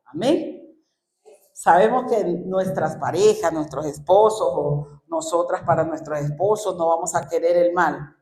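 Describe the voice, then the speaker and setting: A woman's voice: on the low side, a little mellow, echoey room. A woman preaching a sermon in a church, emotional and acting out her own past words. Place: church hall.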